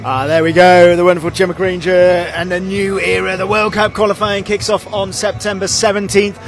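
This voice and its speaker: A man hosts a live football stream with an upbeat, brisk manner, often padding his sentences with "uh". His voice sits high for a man. Music plays under his talk. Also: level tone, vocal fry. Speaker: studio host. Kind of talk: live broadcast presenting.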